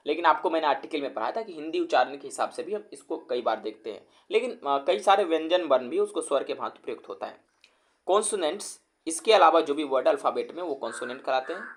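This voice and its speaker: Male grammar teacher, slightly high voice, patient and repetitive, breaking words into syllables for viewers. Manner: addresses viewers as friends, repeats words slowly and syllable by syllable. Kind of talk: explanatory lecture.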